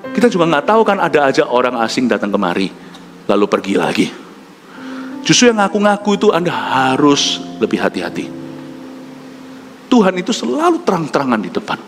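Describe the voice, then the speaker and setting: A man preaching a sermon as pastor, talking in an animated way that swings from shouts to near whispers and mixes in English words. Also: medium pitch, brisk, pauses often. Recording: echoey hall with faint music.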